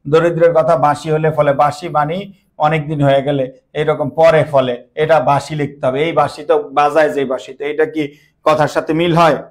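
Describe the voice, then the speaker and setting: A man's voice: fairly high pitch, level tone, fairly quick. A young man teaching an online class, repeating words emphatically and quizzing his students with questions.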